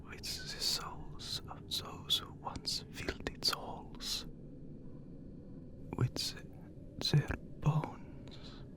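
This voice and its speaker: A man voicing a haughty, courtly, immortal vampire count in a breathy, whispered ASMR roleplay, with formal, archaic phrasing. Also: on the high side, exaggerated voice. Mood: cold warning.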